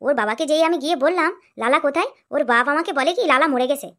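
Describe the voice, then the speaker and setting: In a Bengali comedy cartoon, a woman voices crude, boisterous young village drinking buddies trading banter. Her high-pitched voice races along with a brash, lightly acted feel over a noisy background.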